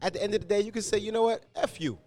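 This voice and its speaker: A man from Costa Rica and New York hosting a podcast, talking loud and hyped with street slang in a casual interview. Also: sits high, racing. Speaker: podcast host.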